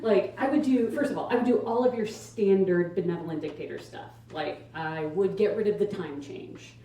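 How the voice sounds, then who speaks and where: A woman's voice: medium pitch, moderate pace, dark tone, slight background noise. Echoey young woman doing stand-up comedy. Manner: casual, conversational, emphatic. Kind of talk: stand-up comedy set to a live audience. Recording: echoey live room, distant microphone. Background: audience laughter.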